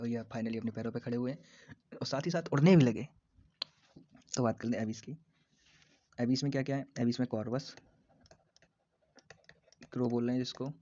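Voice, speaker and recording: A man's voice: mid-range voice, warm tone. Playful male biology teacher. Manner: playful, repeats terms slowly, jokes with students. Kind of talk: casual exam-prep lesson. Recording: dull lo-fi recording.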